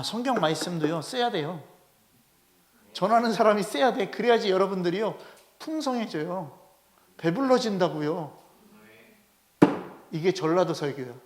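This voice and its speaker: Brief: male head pastor with a high voice, preaching a lively Sunday sermon into a pulpit mic and pressing the congregation with questions. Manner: animated, constantly addressing the congregation with rhetorical questions. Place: church sanctuary.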